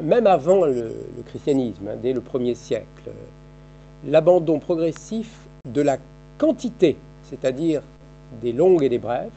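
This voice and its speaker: A man in his fifties, a historian giving an academic seminar lecture in a seminar room, thinking aloud with frequent halting restarts and repeated words. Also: on the high side, mellow. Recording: dull, lo-fi archive seminar recording.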